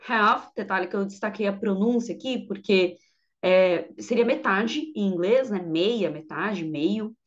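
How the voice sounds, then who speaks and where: A woman's voice: mid-range voice, unhurried. A woman, teaching English grammar in an online lesson, patient and repeating each word for her students. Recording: dull lo-fi audio.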